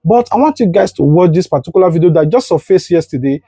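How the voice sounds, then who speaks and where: A man hosting a news vlog, giving earnest, deliberate commentary to his viewers. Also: high voice, animated, warm tone, husky, no echo. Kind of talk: commentary to camera.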